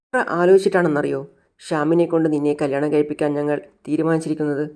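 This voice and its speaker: A gentle Malayali sister-in-law pleads and reasons with a younger woman, as a storyteller voices her. She sounds patient and earnest. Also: mid-range voice, level tone, fast talker, close to an everyday voice. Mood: pleading. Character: gentle elder sister-in-law urging a match.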